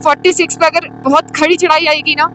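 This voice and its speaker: A woman's voice: sits high, flat delivery, fast, fairly bright tone, a little hiss or hum. A woman motorcycle vlogger chatting casually as she rides outdoors on a mountain road, thinking aloud and calling everyone brother. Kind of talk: casual chat while riding.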